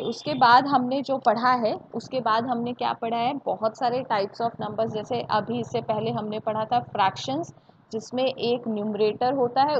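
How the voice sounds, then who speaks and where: A woman with an Indian accent teaching a maths class online, repeating each point and asking students questions to check they follow. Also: a little high. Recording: dull lo-fi audio with faint hiss.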